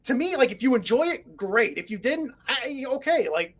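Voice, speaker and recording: A man's voice: very high-pitched, moderate pace. A middle-aged man co-hosting a casual chat show, telling stories and acting out quotes in funny voices. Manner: animated storyteller, acts out quotes. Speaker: co-host.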